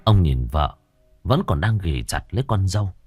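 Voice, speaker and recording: A man narrating a ghost story in a dramatic, expressive way. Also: deep voice, normal speed, breathy edge, no room sound, faint music behind.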